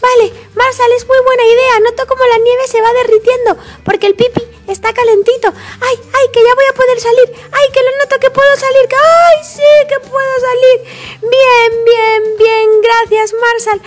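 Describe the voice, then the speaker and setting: A very high, squealing little girl piglet from a toy play story, as a woman puts her on. She bursts with exclamations and breathless cries. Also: level tone, normal speed. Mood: relieved. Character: cheerful little girl piglet, playful and excitable.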